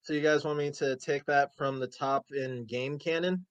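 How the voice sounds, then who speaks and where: A man's voice: a little high, steady tone, moderate pace, clean tone, no echo, lo-fi sound. A man hosting a casual talk show, rambling through game lore with plenty of fillers and restarts. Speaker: host. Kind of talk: casual podcast chat.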